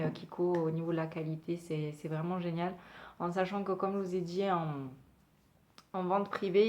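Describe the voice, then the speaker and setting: A woman's voice: lowish voice, a little mellow. A woman talking casually as a beauty vlogger, chatty and hesitant with many fillers. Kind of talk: casual product review.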